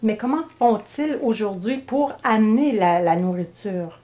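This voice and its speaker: A woman's voice: medium pitch, lively intonation, unhurried, mellow. Woman asking plain interview questions. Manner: plain, prompting follow-ups.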